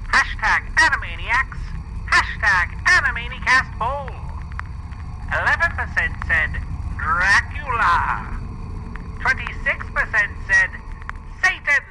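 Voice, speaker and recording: A high, sing-song announcer straight out of an old radio show, put on by a man, drawing out every phrase with slow, theatrical relish. His pitch rises and falls in wide, showy sweeps. A clear hiss of noise sits under the recording. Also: pushed and bright, exaggerated voice, rough recording. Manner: slow, sweeping showman delivery. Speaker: poll segment announcer.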